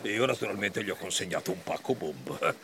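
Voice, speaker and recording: A man playing an eccentric, scornful poet in a radio drama, theatrical, sardonic and vulgar, with a gravelly voice. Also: low voice, expressive, quick pace, a crowd in the background. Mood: sly, boastful. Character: eccentric, scornful middle-aged avant-garde poet, mocking and theatrical. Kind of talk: scripted radio drama acting.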